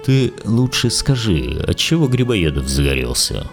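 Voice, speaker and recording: Read by a man, a cold devil who drawls slowly and with contempt, his voice sitting low. He sounds unhurried and imperious, with faint music beneath. It is an audiobook character reading. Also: big pitch swings. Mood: mocking.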